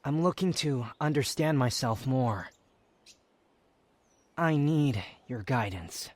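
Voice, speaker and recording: A man playing an aloof, proud, sardonic young wanderer in an intimate roleplay audio drama, speaking in haughty, formal, halting phrases. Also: mid-range voice, expressive, dry recording. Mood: guarded, formal. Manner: haughty, formal wording, halting, sighs and scoffs.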